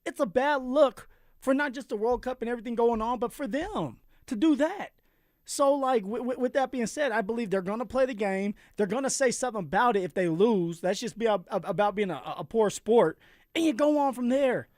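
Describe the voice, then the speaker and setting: A man's voice: very high voice, animated, a little fast, a little mellow, no echo, clean studio sound. A man co-hosting a sports talk show, giving blunt opinions with frequent repeated words. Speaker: sports radio co-host. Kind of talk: sports talk radio debate. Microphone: studio microphone.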